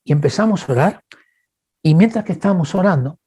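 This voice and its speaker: A man's voice: a little fast, breathy edge. A man with a Chilean accent preaching in a webinar, telling personal stories and acting out quoted voices. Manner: animated, acts out quoted voices with big pitch jumps; addresses listeners as brothers, asks okay. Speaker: guest speaker. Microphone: webinar microphone.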